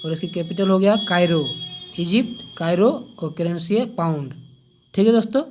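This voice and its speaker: A man's voice: high voice, soft background music. Chatty man teaching a quiz lesson. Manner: chatty, keeps saying "friends" and "okay?"; pauses and hesitates, loses his place. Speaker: exam-prep tutor. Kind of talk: casual general-knowledge lesson.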